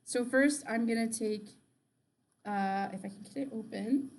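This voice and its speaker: A woman's voice: fairly high pitch, measured pace, vocal fry. Giggly young woman doing makeup. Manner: giggly, explains steps as she works. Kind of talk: casual chat.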